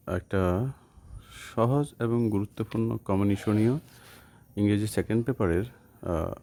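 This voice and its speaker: A man from Bangladesh teaching English pronunciation to students, speaking slowly and carefully with hesitations. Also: on the low side, warm tone. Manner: slow, careful, with hesitations and demonstrated example words. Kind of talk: spoken lesson to students.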